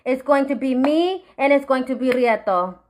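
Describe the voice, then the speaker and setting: A woman's voice: animated, normal speed. Furious, cursing Marshallese woman. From Marshall Islands. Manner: profane, threatening, vengeful; drops to a low menacing murmur. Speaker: vlogger. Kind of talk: angry direct-to-camera rant.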